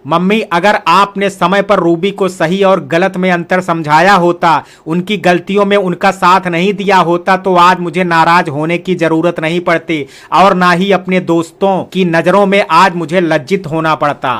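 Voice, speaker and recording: A stern young brother, as a man reads him aloud, scolding his sister in an earnest voice. The voice sits high for a man. It is a storybook character in a Hindi audio tale. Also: fairly even intonation, normal speed, hardly any pauses, fairly bright tone. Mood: angry. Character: young adult brother, stern but patient.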